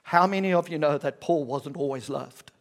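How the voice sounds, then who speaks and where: A man pastor preaching a sermon, emphatic, swinging between loud passionate peaks and hushed, slow, stressed phrases. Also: fairly high pitch. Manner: slows and stresses words one by one.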